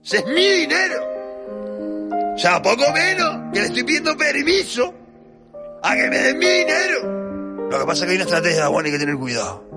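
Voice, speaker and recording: Gravelly high-voiced Canarian man joking on air. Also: fast talker. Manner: animated storyteller acting out voices. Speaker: radio co-host. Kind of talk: comic radio chat. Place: radio studio. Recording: loud music behind the voice.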